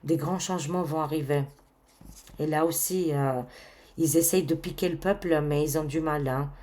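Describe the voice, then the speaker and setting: A woman reading tarot cards for her viewers in a casual, chatty way, full of fillers and excited exclamations. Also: sits low, normal speed. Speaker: tarot card reader.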